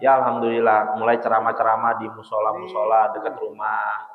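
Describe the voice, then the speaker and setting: Chatty preacher in echoey hall. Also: male voice, lowish voice, monotone, brisk. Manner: chatty and conversational, addressing listeners directly. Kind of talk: storytelling sermon. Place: mosque hall. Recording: echoey hall, dull sound.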